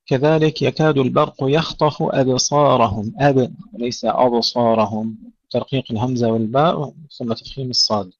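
A man teaching a tajweed lesson, reciting words slowly to demonstrate and correcting common mistakes. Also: mid-range voice, steady tone, no echo. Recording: dry, dull lo-fi audio.

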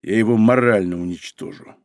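A man reading an audiobook, voicing a gruff, tired detective who mutters sardonically. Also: lowish voice, fairly quick, darkish tone, no room sound, clean studio sound, pitched below the performer's own voice, natural voice.

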